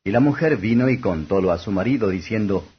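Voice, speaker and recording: A man reading scripture aloud as formal, scripted audiobook narration, with a husky voice. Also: on the low side, lively intonation, fairly quick. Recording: dull lo-fi audio.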